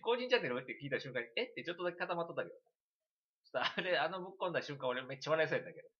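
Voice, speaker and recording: A man with a Kansai accent, chatting and telling a story on a livestream in an animated, giggly way. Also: on the high side, very fast, lo-fi sound. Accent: Kansai Japanese. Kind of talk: casual rambling storytelling.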